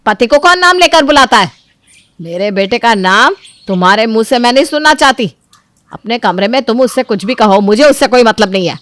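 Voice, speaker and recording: A woman playing a bossy shouting mother-in-law. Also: a little high, moderate pace, smooth, no echo, voice pushed up, natural voice. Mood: domineering. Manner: scolding, loud and commanding. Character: bossy domineering middle-aged mother-in-law. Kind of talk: cartoon story voice acting.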